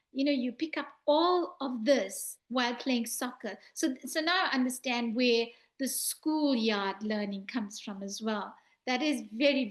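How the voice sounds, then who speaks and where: A woman from South Africa hosts a panel discussion, thanking her guest warmly and then asking long, carefully worded questions. Her voice sits slightly high. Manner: warm and appreciative, asking long formal questions. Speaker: talk show host. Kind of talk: hosting a panel talk.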